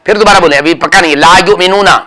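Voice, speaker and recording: A man's voice: high-pitched, fast, bright, forceful tone. A man teaching a grammar class, quizzing students and correcting them firmly and repeatedly. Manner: firm, repetitive corrections, calls on students by name. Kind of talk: drilling students in a grammar lesson.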